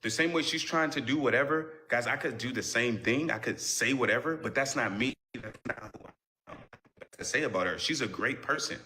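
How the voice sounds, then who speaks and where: A man's voice: medium pitch, brisk, bright, forceful tone. A young man on a live stream, defending himself in a heated debate and repeating himself when cut off. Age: young adult.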